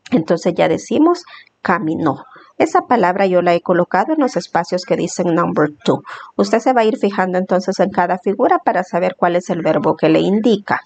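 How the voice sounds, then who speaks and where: A woman's voice: medium pitch, darkish tone. A woman teacher who explains a lesson patiently and step by step, repeating examples as she goes. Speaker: English teacher.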